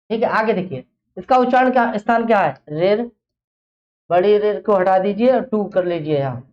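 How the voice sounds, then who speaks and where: A woman teaching an exam-prep class, who fires off a question, repeats it, and then answers it herself. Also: a little high. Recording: dull lo-fi classroom recording.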